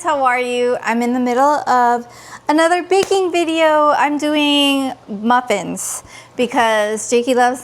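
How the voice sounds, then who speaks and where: A woman from California in her thirties chatting casually to her vlog viewers in an expressive, gushing way. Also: on the high side. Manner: expressive, pleading and gushing, quotes others in dialogue. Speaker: vlogger.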